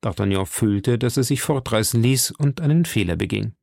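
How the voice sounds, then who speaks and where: A man narrating a classic novel as an audiobook in a steady, formal storytelling manner. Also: mid-range voice, moderate pace, gravelly, dry recording.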